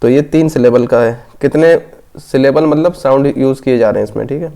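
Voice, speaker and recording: A warm, medium-pitched voice with vocal fry belongs to an exam prep teacher running through questions in a Hindi lesson. He reads them slowly, explains each answer, and keeps checking in with "theek hai".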